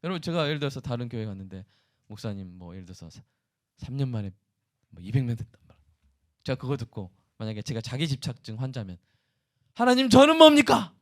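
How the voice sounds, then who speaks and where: A male pastor preaching a sermon in an animated way, often asking the congregation questions. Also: mid-range voice, fast talker.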